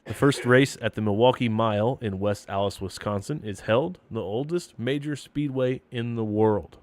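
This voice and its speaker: A man's voice: fairly low pitch, normal speed, darkish tone. A man in his thirties hosting a podcast, reading history facts between crude jokes. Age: 30s. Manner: crude, joking, laughs often. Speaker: podcast host.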